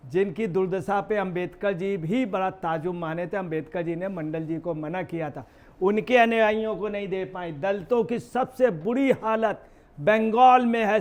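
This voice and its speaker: Male commentator, high voice, emphatic rhetorical delivery, mocking tone. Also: a little mellow. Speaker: political news commentator. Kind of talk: heated political commentary.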